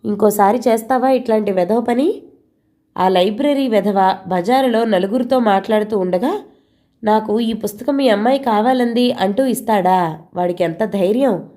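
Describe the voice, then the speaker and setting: A woman's voice: medium pitch, normal speed, warm tone, close to an everyday voice. A woman voicing a stern, commanding older father-in-law who angrily scolds his daughter in a storybook reading. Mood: angry. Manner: angry, commanding.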